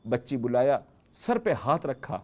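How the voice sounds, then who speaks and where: A man's voice: mid-range voice, big pitch swings, darkish tone. A man giving an emotional religious sermon, telling a story with dramatic rises on key phrases. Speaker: religious speaker.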